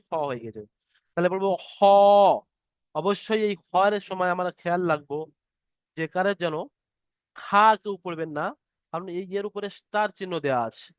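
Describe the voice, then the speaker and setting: A man teaching the Arabic alphabet in an online class, patiently sounding out each letter slowly and explaining how to pronounce it. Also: high-pitched, a bit bright, no room sound, studio quality. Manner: slow, patient, drawn-out letter demonstrations. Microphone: computer mic on a video call.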